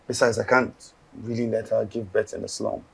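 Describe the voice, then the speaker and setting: Husky, gravelly Nigerian man. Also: on the low side, fairly even intonation, normal speed, exaggerated voice, rough recording. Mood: earnest. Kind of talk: film drama dialogue.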